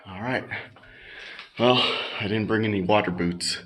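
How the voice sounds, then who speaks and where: A man casually narrating as he explores a mine tunnel, observing and musing in an unhurried way. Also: lowish voice. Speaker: amateur explorer filming a mine visit. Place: inside an abandoned mine tunnel with running water. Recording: clearly noisy handheld recording.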